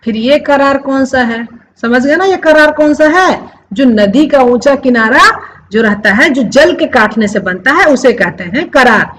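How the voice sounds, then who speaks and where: A woman teaching a Hindi lesson, explaining slowly and repeating each word many times while asking the viewers questions. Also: high voice, animated, a bit bright, slight background noise, poor audio. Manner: addresses viewers as friends, asks questions. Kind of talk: classroom-style lesson.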